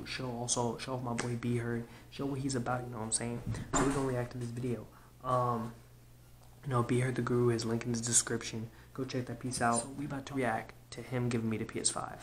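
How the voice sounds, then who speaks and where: A man's voice: medium pitch, little pitch movement, brisk. A young man hosting a reaction video, telling a story in a loose, slangy, casual way that repeats itself. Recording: noisy home recording with clicks.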